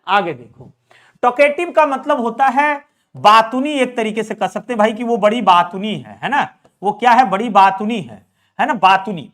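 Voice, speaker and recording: A young man teaching an English exam prep lesson. He keeps asking his students questions and then answering them himself. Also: high voice.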